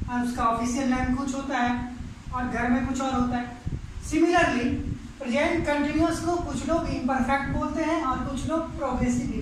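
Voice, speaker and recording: A woman with an Indian English accent teaching grammar in a classroom, explaining slowly in English and quickly in Hindi. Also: high voice. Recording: echoey room recorded from far off, faint noise.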